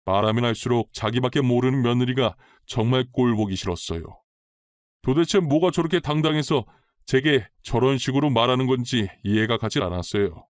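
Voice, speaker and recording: Man narrating a story in a lowered voice. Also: brisk, no room sound, clean studio sound.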